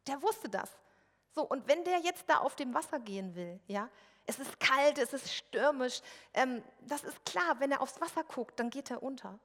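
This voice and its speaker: A woman's voice: high voice, animated, normal speed, long reverb tail. A woman from West Germany preaching a sermon in a church service room, in a conversational, personal storytelling way.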